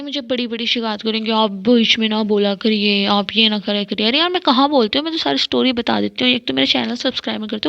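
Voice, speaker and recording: A woman's voice: fairly high pitch, creaky, fairly bright tone, no room sound. A woman narrating a story in a casual, chatty way, breaking off for teasing asides to her audience, on a dull lo-fi recording.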